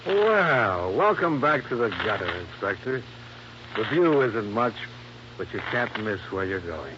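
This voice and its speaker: A man whose voice sits on the low side takes an unhurried pace yet sounds very animated, voicing a dry, confident, tough and wry American insurance investigator in a 1950s radio detective drama. The mood is resolute and the manner matter-of-fact. The sound is lo-fi, from a noisy, band-limited old radio recording.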